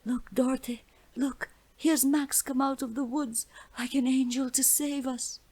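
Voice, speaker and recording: A worn-out, starving young peasant girl, gasping for breath as she speaks. The voice is lifted high above the reader's own, thin and pleading. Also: steady tone, measured pace, a little mellow. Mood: desperate.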